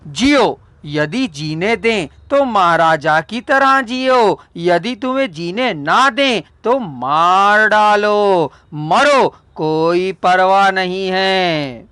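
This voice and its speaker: A man's voice: sits high, animated, very slow, hardly any pauses, bright, forceful tone, smooth, no echo, exaggerated voice. A man reading the lines of a scheming man who urges someone to use a pistol, in an insistent, persuasive way. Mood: urging.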